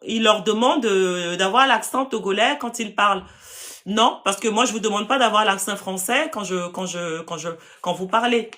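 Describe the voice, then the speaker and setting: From France, this woman speaks with a Parisian accent while hosting a land-sales live stream, responding firmly and directly to comments. Her voice is medium-pitched, a bit bright, and moderately paced.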